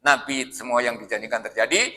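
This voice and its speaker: Bright-toned man preaching. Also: mid-range voice, fairly quick, slight background noise. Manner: lively storytelling, addressing listeners directly. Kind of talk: mosque sermon. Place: mosque.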